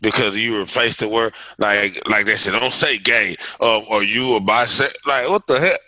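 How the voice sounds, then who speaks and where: A man with a bright, sharp-edged voice, chatting on a podcast. He speaks in easy slang and mostly agrees with his co-host. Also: fairly low pitch, moderate pace, dry recording, rough recording. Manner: laid-back, agreeable, slangy. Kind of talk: casual chat.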